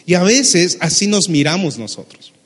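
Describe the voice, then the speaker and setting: A man, a pastor preaching a sermon, lively and humorous, acting out the people in his Bible stories. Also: sits high, normal speed, breathy edge, in a large hall. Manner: animated, acts out Bible characters with humor.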